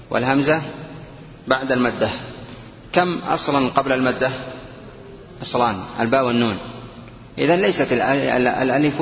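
A man teaching a grammar lesson, explaining slowly and asking his students questions as he goes. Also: mid-range voice. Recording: echoey dull room with faint noise.

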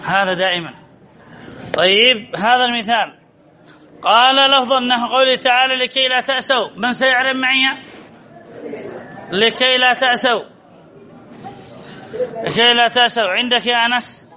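A man's voice: very high-pitched, steady tone, normal speed, pauses often, bright, forceful tone, some chatter behind. A man teaching Arabic grammar in a classroom, quizzing students and repeating key answers as drills, on a dull lo-fi recording. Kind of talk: classroom lesson with questions to students.

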